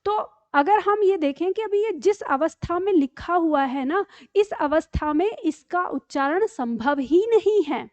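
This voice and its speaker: A woman's voice: very high-pitched, lively intonation, measured pace, few pauses, darkish tone, no echo. A woman teacher giving an online grammar lesson, explaining step by step and often checking with her students. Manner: patient, explains step by step with frequent "ठीक है?" checks. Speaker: Hindi teacher.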